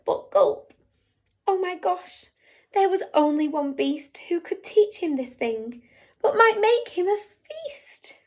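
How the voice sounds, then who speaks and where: A woman teacher reading a rhyming picture book aloud, with an animated, rhythmic delivery. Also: very high-pitched, slow.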